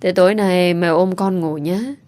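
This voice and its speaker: A woman voicing a loving young mother who speaks gently and politely. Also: fairly low pitch, measured pace, close to an everyday voice.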